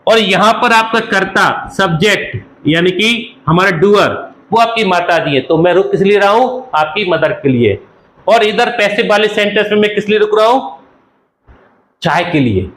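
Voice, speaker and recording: High-voiced man teaching in an echoey room. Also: animated, fairly bright tone. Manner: explanatory, repeats points slowly with everyday examples. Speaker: English teacher. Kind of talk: classroom-style lesson explaining grammar. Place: classroom with a board.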